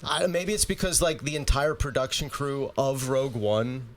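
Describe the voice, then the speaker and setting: A man's voice: medium pitch, moderate pace. A man co-hosting a podcast, chatting casually and leaning heavily on "like" as a filler. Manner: chatty, heavy use of "like". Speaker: podcast co-host. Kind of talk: casual chat.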